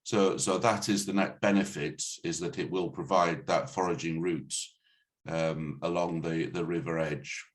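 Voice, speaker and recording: A man speaking as a planning officer, presenting a formal report on a video call in a halting, hesitant way with repeated false starts. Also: low voice, fairly even intonation. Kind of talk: formal report and answers at a meeting. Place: online video meeting.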